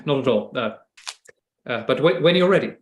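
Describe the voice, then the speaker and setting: A man's voice: mid-range voice, expressive, moderate pace, close to an everyday voice. A man playing an earnest, nervous poet in a stage play reading, with a hesitant, self-conscious manner. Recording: echoey room.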